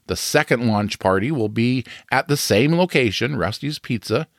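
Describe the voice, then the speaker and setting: A man's voice: mid-range voice, expressive, moderate pace, gravelly, no echo. A man hosting a podcast, reading a scripted true crime narration.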